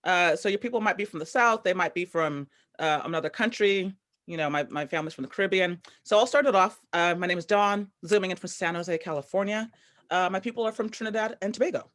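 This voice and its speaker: A woman's voice: on the low side, fast talker, a bit bright. A woman hosting a workshop on a video call, upbeat, welcoming and chatty. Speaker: workshop host.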